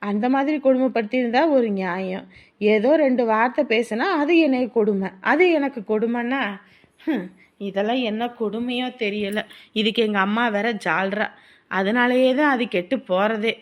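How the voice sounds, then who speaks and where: An actress playing a village daughter-in-law, speaking in an outspoken, aggrieved way. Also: female voice, a little high, moderate pace, close to an everyday voice. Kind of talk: village family drama.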